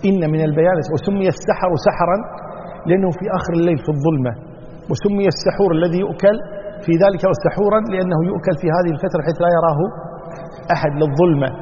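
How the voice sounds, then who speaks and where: High-voiced man explaining scripture in a hall. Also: rapid-fire, mellow. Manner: explanatory, repeats and weighs readings of a verse. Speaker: Islamic scholar giving Quran commentary. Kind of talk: religious lesson to a live audience. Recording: dull lo-fi recording with long hall reverb.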